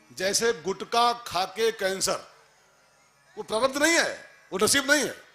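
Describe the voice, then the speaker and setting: A man preaching a devotional sermon, animated and rhetorical, repeating phrases and asking the audience questions. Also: sits high.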